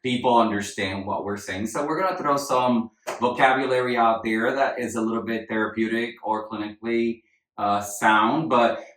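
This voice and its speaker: In an echoey room, a Puerto Rican man raised in Florida co-hosts a relaxed podcast as a family therapist. His medium-pitched, fairly bright voice keeps fairly even intonation at normal speed as he explains things, peppering in "right?"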